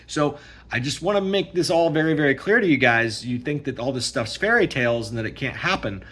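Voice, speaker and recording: Husky, emphatic man ranting to camera. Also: medium pitch, lively intonation, fairly quick, a bit bright. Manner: emphatic, repetitive, keeps asking "okay?". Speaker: vlogger. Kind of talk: casual ranting monologue.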